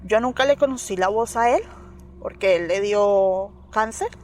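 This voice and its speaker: A woman with a Colombian Spanish accent speaks at a medium pitch and an unhurried pace, with a little hiss or hum in the recording. She's an interview guest recounting a personal experience, telling it in an animated way, acting out the quoted voices in her story and often asking "¿me entiendes?" to check the listener follows.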